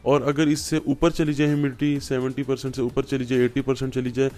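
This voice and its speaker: Man calmly explaining a farming how-to. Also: mid-range voice, fairly quick. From Pakistan. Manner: patient step-by-step explaining. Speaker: farming instructor. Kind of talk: home how-to tutorial. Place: indoors at a work table.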